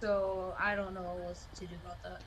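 A woman's voice: medium pitch, little pitch movement, fairly quick, muffled recording, a little hiss or hum. Hesitant woman playing a cop. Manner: hesitant, fillers, unsure. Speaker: police officer in role-play. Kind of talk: game role-play.

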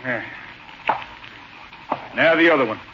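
An actor playing a gruff outlaw posing as a cowhand, with a low, drawling, threatening manner, heard through an old AM radio broadcast. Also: male voice, slow. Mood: menacing. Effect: old AM radio broadcast sound. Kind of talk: 1940s radio acting. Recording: muffled, hissy old radio recording.

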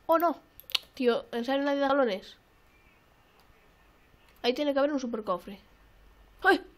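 Excitable high-voiced young woman gamer. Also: moderate pace. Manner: excitable, repeats phrases, swears often. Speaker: gaming YouTuber. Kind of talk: casual let's-play commentary.

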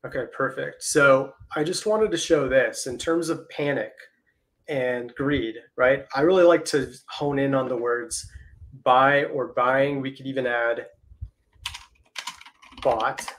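Man, mid-pitched voice, explanatory, livestream market analysis, video call mic. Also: takes it slowly, a bit bright. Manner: explanatory, walks through charts on screen.

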